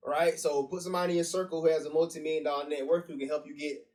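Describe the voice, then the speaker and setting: A man's voice: fairly high pitch, flat delivery, rapid-fire, a little mellow. A young man co-hosting a casual chat, upbeat and colloquial, playful with his co-host. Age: young adult.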